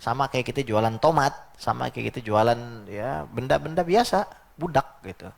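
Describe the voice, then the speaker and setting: At a mosque lecture, a man preaches in a chatty, conversational style, often reciting Arabic verses and acting out other voices. His mid-range voice is expressive, with a moderate pace and some vocal fry.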